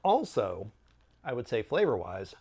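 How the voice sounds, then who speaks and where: Animated man reviewing snacks, slightly muffled sound. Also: medium pitch, a little slow, gravelly, slight background noise. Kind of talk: casual chatty review to camera.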